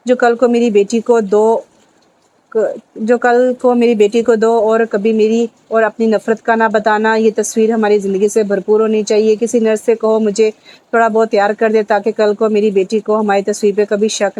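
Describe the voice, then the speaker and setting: Lady reading as a dying young wife, soft and pleading, flat delivery. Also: medium pitch, natural voice.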